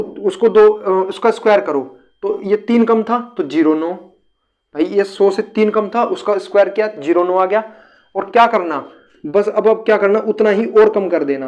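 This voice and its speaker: A man's voice: high voice, a little mellow, highs cut off. A man teaching a step-by-step math lesson, often repeating himself and calling his viewers friends.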